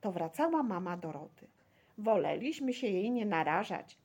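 A woman reading a children's story aloud with an expressive, animated delivery. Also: medium pitch, moderate pace, breathy edge.

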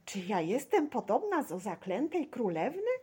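A woman doing a squeaky, timid little girl. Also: sing-song, moderate pace, warm tone, slightly rough, heavily acted. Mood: curious. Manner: squeaky, wide-eyed. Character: excited young girl, timid and dreamy.

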